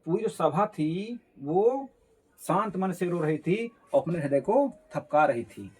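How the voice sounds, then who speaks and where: Husky man explaining Hindi poetry. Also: high-pitched, animated, slow pace, a little mellow. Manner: repeats and paraphrases each phrase. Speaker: teacher.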